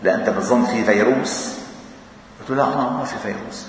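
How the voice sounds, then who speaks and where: A man's voice: medium pitch, fast, slight background noise. A man with a Levantine Arabic accent giving an informal, chuckling talk in a mosque, full of rhetorical questions. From Lebanon. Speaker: preacher. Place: large mosque hall. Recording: echoey hall, mic far off.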